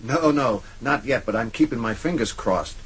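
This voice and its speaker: An actor playing an affable, easygoing American man in a radio drama, with a husky voice and an American accent. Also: mid-range voice, normal speed, rough recording. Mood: matter-of-fact. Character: affable, easygoing American male family associate.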